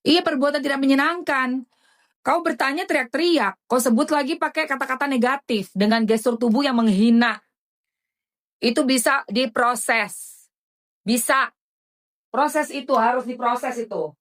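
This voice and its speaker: A woman's voice: high voice, a little slow, a bit bright. A woman doing live-stream commentary in a dramatic, indignant way, often calling her listeners darling.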